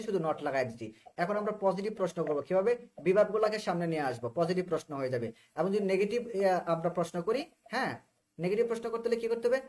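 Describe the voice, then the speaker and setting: With a high voice and a Bangladeshi accent, a man conducts a live online English lesson. He keeps asking his students whether they understand, explaining with patience and repeating himself.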